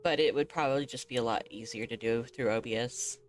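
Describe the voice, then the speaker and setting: A woman's voice: very deep voice, fast talker, a little hiss or hum. A woman streaming a game, sleepy and yawning as she chats casually with viewers, laughing often. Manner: relaxed, chatty, laughs often. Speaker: VTuber streamer.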